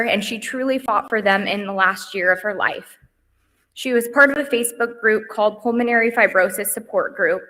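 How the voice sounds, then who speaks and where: Young woman giving a heartfelt eulogy. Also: fairly high pitch. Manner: earnest and heartfelt, softening on lists. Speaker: eulogy speaker. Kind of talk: reading a eulogy at a memorial. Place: memorial service hall. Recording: livestream in a reverberant hall.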